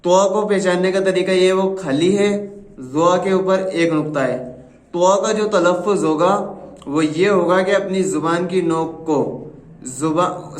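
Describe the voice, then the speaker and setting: Male Arabic tutor with an Indian Hindustani accent, fairly high voice, patient letter drills, echoey room. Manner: explains patiently, repeats each letter sound slowly. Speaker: Arabic teacher. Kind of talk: slow spoken lesson with letter drills.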